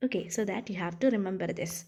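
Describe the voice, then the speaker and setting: A woman English teacher with a Malayali accent, explaining grammar rules in a lecture. She dictates English slowly and then explains quickly, repeating key phrases with strong emphasis. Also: medium pitch, creaky, noisy background. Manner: switches between slow dictated English and rapid Malayalam explanation.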